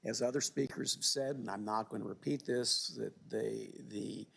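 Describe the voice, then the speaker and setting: A man giving a formal public comment at a city council meeting, deliberate in his delivery. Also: on the low side, fairly even intonation, creaky, fairly bright tone, slightly rough.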